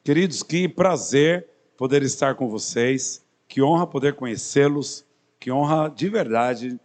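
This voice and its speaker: This Brazilian man, a pastor in his fifties with a São Paulo accent, speaks at a measured pace in a medium-pitched voice. He's introducing himself to a congregation at the start of a sermon, chatty and playful, with many fillers and restarts.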